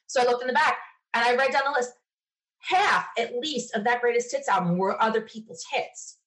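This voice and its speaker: In a roughly recorded podcast interview, a middle-aged female guest tells stories conversationally, with emphatic opinions. Her voice is on the high side and a bit bright, and her pace is fairly quick.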